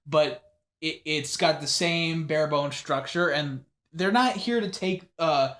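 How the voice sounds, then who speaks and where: A man's voice: fairly high pitch, a bit bright. Rambling man in an echoey room. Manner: halting, many restarts, blunt and profane. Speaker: podcast co-host. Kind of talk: casual chat. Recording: roomy echo.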